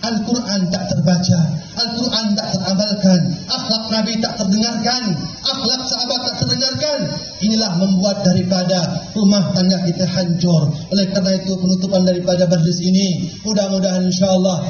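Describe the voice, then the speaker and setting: Man, animated sermon storyteller, high voice, chants Arabic verses slowly. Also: faint music behind. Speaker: preacher. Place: religious gathering. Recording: echoey hall with muffled sound.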